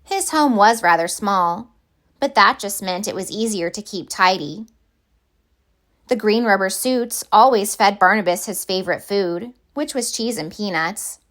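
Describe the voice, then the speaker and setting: This is a woman reading a picture book for kids, her mid-range voice carrying deliberate, expressive phrasing in true storyteller fashion.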